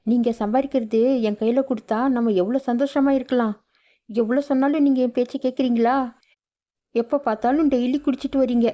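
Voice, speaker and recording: A weary cartoon mother who works as a maid, as a woman voices her. She talks earnestly and soothingly in a fairly high voice, on a slightly dull recording. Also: steady tone, brisk, close to an everyday voice. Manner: earnest, reasoning and reassuring. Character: poor weary mother, a housemaid.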